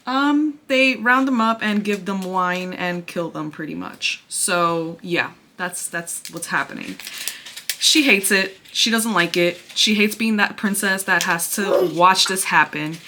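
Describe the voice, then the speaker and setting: Casting: woman, casual vlogger, bright forward tone with breathy, winded delivery, some noise behind. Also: medium pitch, unhurried. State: out of breath from pregnancy. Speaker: book review vlogger. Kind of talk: casual chatty book review to camera.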